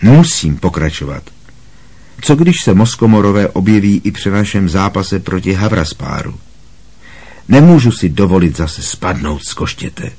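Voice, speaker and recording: A man's voice: sits low, very animated, darkish tone, husky, exaggerated voice. Harry, a man voicing a stubborn boy wizard. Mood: determined. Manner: mumbling, stubborn.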